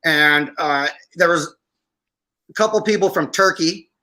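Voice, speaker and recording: Bright high-voiced man telling stories. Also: measured pace. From Syria. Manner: animated, acts out quoted speech. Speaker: podcast guest, veteran filmmaker. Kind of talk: interview storytelling.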